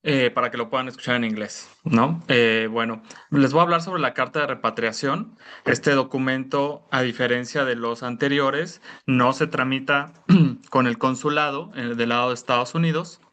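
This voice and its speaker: Bright-voiced man. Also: mid-range voice, fairly even intonation, moderate pace. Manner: careful, explanatory, with frequent "eh" and "¿no?". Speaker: presenter at an online information session. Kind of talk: explanatory webinar talk. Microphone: video call.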